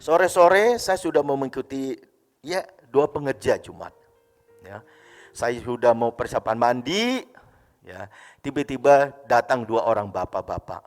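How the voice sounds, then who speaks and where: A man's voice: mid-range voice, animated, a little slow, soft background music. Preaching man in an echoing church. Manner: storytelling, acting out dialogue with sudden loud bursts. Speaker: pastor. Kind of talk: sermon.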